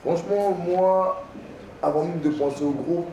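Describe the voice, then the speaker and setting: A man from a rap group, talking in a relaxed, reflective, slangy way during an interview. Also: a little high, unhurried, slight background noise. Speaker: rapper in a group. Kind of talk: casual interview answers. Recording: roomy, far from the mic, crowd behind.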